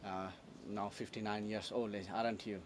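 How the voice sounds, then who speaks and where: A man's voice: lowish voice, moderate pace, a little hiss or hum. A young man conducting an interview in English, asking questions with many fillers and frequent yeses. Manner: many fillers, steady yes and uh-huh. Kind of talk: sit-down interview. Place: room with bookshelves and a leather sofa.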